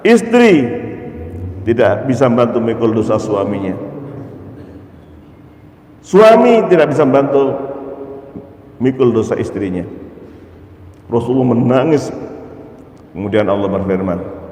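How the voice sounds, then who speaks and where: Middle-aged guy preaching, big swings up and down, boomy hall with long echo. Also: sing-song, measured pace, long pauses, mellow. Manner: dramatic preaching, voice rising to emphatic peaks and dropping low. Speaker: Islamic preacher. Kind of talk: sermon. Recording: echoey hall with long reverb.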